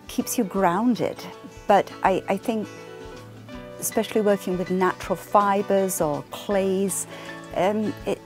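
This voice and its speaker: A woman in her sixties with an English accent, a fibre artist speaking reflectively in a documentary interview, pausing often with ums. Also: mid-range voice. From England. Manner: reflective, soft-spoken, many ums and uhs. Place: home craft room. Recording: soft music underneath.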